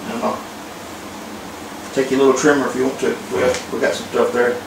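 A middle-aged man, a master barber calmly coaching a student barber in a small shop, repeating short instructions. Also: mid-range voice, brisk, gravelly, background noise. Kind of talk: casual coaching. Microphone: camera on tripod across the room. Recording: echoey room with loud clipper buzz.

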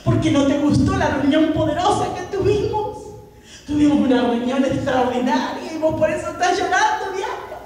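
A woman preacher voicing a caring male pastor who gently asks and teases, heard from far off in an echoey hall. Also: sits high, animated, moderate pace, crowd noise. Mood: coaxing.

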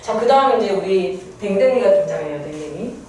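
A woman teaching a poem in a chatty, playful lecture, firing quick questions at her students. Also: medium pitch, animated, dark tone, slight background noise. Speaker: Korean literature teacher. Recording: echoey room heard from a distance.

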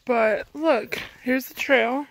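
Young woman, trail vlogger, slow easygoing talk, tired, arm's-length phone outdoors, faint hiss. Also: fairly high pitch, low-quality recording. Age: young adult. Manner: chatty, rambling, laughs often, talks while walking. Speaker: thru-hiker vlogger. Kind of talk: casual trail vlog. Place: outdoors in a mountain forest. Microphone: phone camera held at arm's length.

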